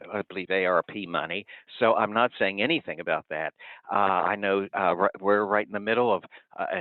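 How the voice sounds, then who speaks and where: Man phoning in to a county meeting; low, halting, courteous delivery through a thin, dry phone line. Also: no room sound. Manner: halting and polite, often trailing off. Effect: speaking over the phone. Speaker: resident giving public comment. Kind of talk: public comment at a county meeting.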